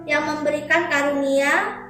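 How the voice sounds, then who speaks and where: A woman reading Bible verses aloud in a steady, measured way during a sermon. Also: high voice, echoey room, recorded from a distance. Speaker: scripture reader.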